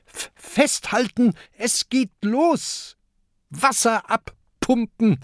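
Reader putting on a young boy, very high, shrill, stammering, lively swings, dry close audiobook sound. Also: very slow, no room sound. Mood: urgent. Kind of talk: audiobook narration.

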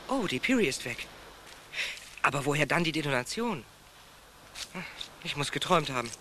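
An actor playing a plucky young reporter-adventurer who talks briskly and exclaims to himself, in a radio play. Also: male voice, fairly high pitch, full character voice. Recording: loud background noise.

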